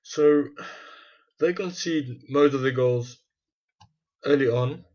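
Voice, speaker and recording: Taking it slowly in a mid-range, darkish voice with the highs cut off, a young South African man commentates casually on his football management game as a gaming channel host. He thinks out loud and keeps restarting and correcting himself.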